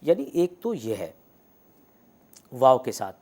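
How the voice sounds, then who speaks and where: A man teaching letters and vowels in a recorded lecture. He explains patiently, says the example words slowly and repeats them, and often checks in with the class. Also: mid-range voice, huge pitch swings, creaky, darkish tone. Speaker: Urdu language teacher.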